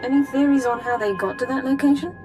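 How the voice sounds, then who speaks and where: The voice is high and fast, lightly acted, belonging to an actress cast as a strict female army sergeant issuing clipped, precise reports. This video game cutscene performance carries an Imperial-sounding accent and sits over a music bed.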